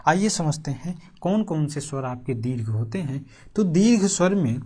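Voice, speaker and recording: A teacher giving an exam-prep lesson, repeating key phrases slowly word by word and keeping the class engaged with questions. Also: medium pitch, darkish tone. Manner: keeps asking the class rhetorical check-up questions. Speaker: Hindi teacher for exam preparation.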